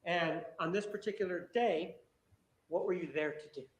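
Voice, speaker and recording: A man's voice: high-pitched, normal speed. A man prosecuting at a trial, cross-examining a witness with pressing, repetitive, combative questions. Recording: echoey courtroom audio.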